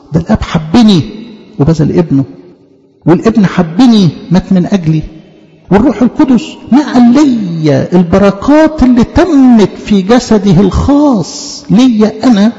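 A man with an Egyptian Arabic accent preaches at a rapid clip in a gravelly, rather high voice. He presses his points with rhetorical questions and firm repeated denials. The sound is dull and lo-fi, ringing in a reverberant hall. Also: mellow. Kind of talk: teaching sermon.

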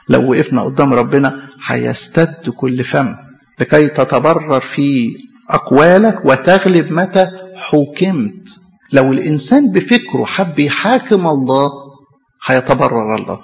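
This sermon comes from a man whose voice is a little high and gravelly, with an Egyptian Arabic accent. Emphatically, he raises rhetorical questions and answers them, recorded with a dull lo-fi quality in an echoing hall.

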